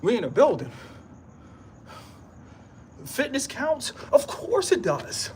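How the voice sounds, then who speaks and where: A man's voice: extremely high pitch, wildly swooping pitch, takes it slowly, darkish tone, slight background noise. A man giving a rambling motivational monologue in streetwise slang, repeating himself often and laughing into his words. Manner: repetitive, emphatic, streetwise slang. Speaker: vlogger.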